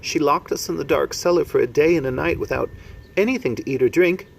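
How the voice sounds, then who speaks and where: A man's voice: a little high, fairly quick, gravelly, voice pushed up. A man voicing a plucky young orphan girl who answers plainly and matter-of-factly. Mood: resentful. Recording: steady background noise.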